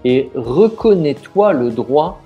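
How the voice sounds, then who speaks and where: A business mindset coach speaks straight to the viewer in a coaching video, his voice fairly high, sing-song and slow. He's informal and encouraging, using fillers and restarting sentences. The audio sounds like a phone recording, with faint music in the background.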